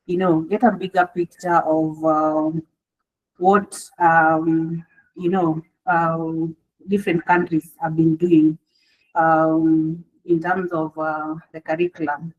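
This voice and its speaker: Woman moderator, monotone, dull lo-fi sound, polite and hesitant. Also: deep voice, takes it slowly. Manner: polite, hesitant questioning with many fillers. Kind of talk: panel discussion. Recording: dull lo-fi audio.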